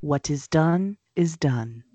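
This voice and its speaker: A woman reading aloud as a cold, smooth male dark wizard, speaking in a measured, disdainful way. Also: low voice, lively intonation, no echo, heavily acted.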